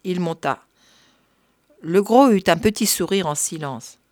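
A woman narrating a story in a measured, even reading voice. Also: lowish voice, no echo, studio quality. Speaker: reader.

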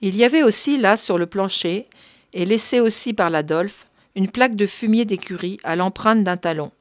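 A woman narrating a story in a measured, even reading voice. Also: medium pitch, no room sound, clean studio sound. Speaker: reader.

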